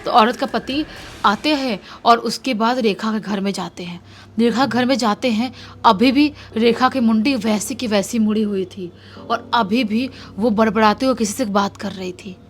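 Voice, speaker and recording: A woman's voice: a little high, normal speed, a little hiss or hum. A woman narrating a horror story in a casual, conversational way, repeating lines for emphasis.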